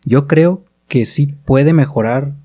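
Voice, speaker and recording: A man's voice: mid-range voice, slow, mellow. Guy hosting a podcast, mid voice, lots of ums and restarts. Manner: hesitant, many fillers and restarts, agreeable. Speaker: podcast host. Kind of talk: casual conversation.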